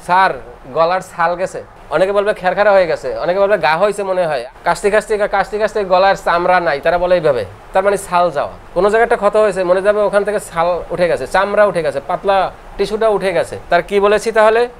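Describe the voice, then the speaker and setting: A middle-aged man from Bangladesh giving a classroom lecture, explaining points over and over and reciting verses slowly in a sing-song way. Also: high-pitched, slight background noise. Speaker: homeopathy lecturer.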